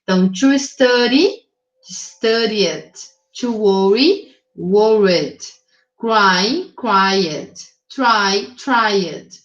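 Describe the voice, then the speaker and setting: A Brazilian woman with a medium-pitched voice and a Brazilian Portuguese accent teaches an English grammar lesson in a recorded remote class. She explains slowly, reads the English example sentences very slowly, and checks in with "tá?" and "né?". The audio is dull and lo-fi, in an echoey room.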